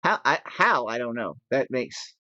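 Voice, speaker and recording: A man's voice: medium pitch, big pitch swings, unhurried, bright, forceful tone, dry recording. Guy rambling on a gaming stream, nervous little laughs, dry dull mic sound. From United States. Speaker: gaming podcast co-host. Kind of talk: casual chat while gaming.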